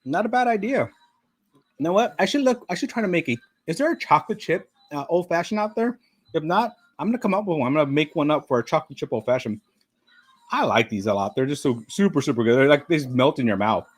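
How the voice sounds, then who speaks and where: A man's voice: fairly high pitch, expressive, fast. Chatty middle-aged man hosting a livestream. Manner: rambling, chatty, with frequent fillers; talks while eating. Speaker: livestream host. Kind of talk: casual live-stream chat.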